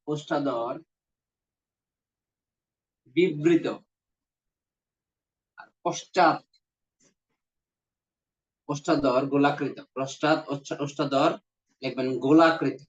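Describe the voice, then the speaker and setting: A man with a Bangladeshi Bengali accent runs an exam-prep grammar lesson, his voice pitched slightly high. He repeats himself often and sounds out each vowel as a demonstration. The recording is muffled and lo-fi. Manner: repetitive, coaxing, demonstrates vowel sounds aloud. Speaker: teacher. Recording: dull lo-fi recording.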